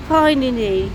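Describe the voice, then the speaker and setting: A woman vlogging outdoors on her phone, excitedly reading out bus fleet numbers and number plates in a casual chatty way. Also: high-pitched, creaky. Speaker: transport enthusiast vlogger. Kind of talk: casual spotting commentary. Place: outdoors by streets and bus stops. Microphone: handheld phone. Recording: noisy outdoor phone recording. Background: traffic and street noise.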